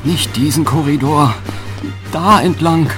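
A man's voice: fairly high pitch, slow. Actor as urgent man on the run, being chased. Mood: urgent, hurried. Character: urgent rescuer freeing a prisoner, fleeing pursuit. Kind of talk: science fiction audio drama. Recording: loud music under the voice.

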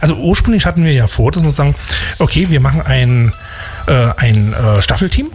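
A man's voice: mid-range voice, lively intonation, a little fast, darkish tone, soft background music. A man hosting a radio show, chatting and interviewing in a casual, conversational way. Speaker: radio host.

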